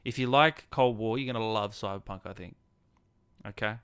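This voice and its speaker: A man with an Australian accent hosts a gaming livestream, chatting casually and answering viewers' comments as if talking to mates. His voice is lowish, clean and fairly bright, at normal speed. The recording is dry.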